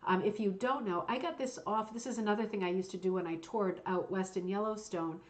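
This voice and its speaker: A woman's voice: medium pitch, brisk. Female bingo-caller host, mid-range voice, casual and enthusiastic, gushing between read-aloud passages and asides. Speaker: host of a hooked rug bingo show.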